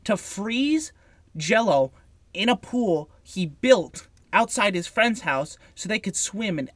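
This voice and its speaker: A man's voice: high-pitched, lively intonation, slow pace, no room sound. A young man hosting a casual podcast, rambling with many fillers and restarts. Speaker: podcast host. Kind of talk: casual student podcast chat.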